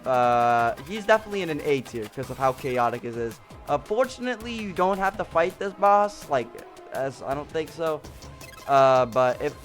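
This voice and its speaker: A young man casually ranking game bosses at home, rambling with lots of fillers and restarts, a bit out of breath. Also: mid-range voice. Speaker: gaming youtuber.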